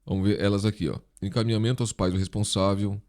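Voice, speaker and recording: A man's voice: on the low side, little pitch movement, quick pace, a little mellow. A Brazilian man teaching an informal exam review lesson, his articulation slightly impeded by a dental retainer in his mouth. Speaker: instructor, online video host.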